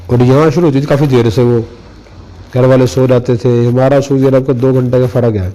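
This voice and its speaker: A middle-aged male preacher from Pakistan recounts a memory in an easy, conversational sermon style. His voice is mellow and warm, and he speaks at a middle pitch. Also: little pitch movement. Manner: conversational, anecdotal, addresses listeners directly. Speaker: Islamic preacher. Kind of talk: storytelling religious talk.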